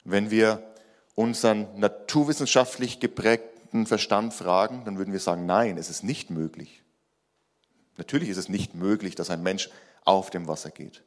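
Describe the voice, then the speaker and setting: A man preaching a sermon. He is animated and raises his voice to act out quoted lines, then drops low and quiet for emphasis. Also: moderate pace. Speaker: pastor.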